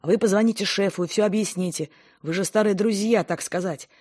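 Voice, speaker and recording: A woman reading an audiobook voices a tactless young male assistant who whines and argues loudly. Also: medium pitch, brisk, husky, natural voice. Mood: brash whining. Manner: loud, pushy and whining.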